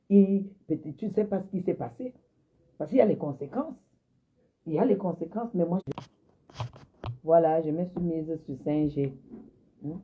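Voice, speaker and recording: A woman's voice: on the low side, slightly rough. A woman, confronting and mocking someone in a heated, repetitive live-stream rant. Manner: confrontational, mocking, repeats herself. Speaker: social media personality. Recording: tinny phone-line sound.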